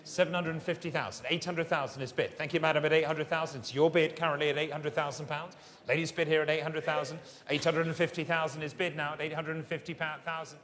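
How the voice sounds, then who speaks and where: A man's voice: fairly high pitch, little pitch movement, quick pace, fairly bright tone. A man working as a fine art auctioneer, calling and repeating bids in polished, courteous patter in a large saleroom. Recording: long reverberant hall sound.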